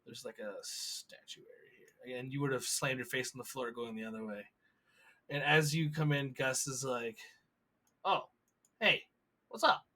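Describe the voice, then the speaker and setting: A man's voice: mid-range voice, steady tone, moderate pace, a bit bright. A man running a tabletop game as game master, describing scenes in a loose, stop-start way with fillers.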